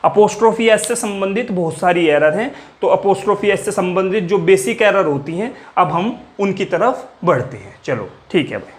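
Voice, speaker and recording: In a classroom grammar lecture, a high-pitched man teaches English, asking questions and answering them himself in a repetitive way. He repeats key words and lowers his voice on each answer, speaking animatedly at normal speed with few pauses.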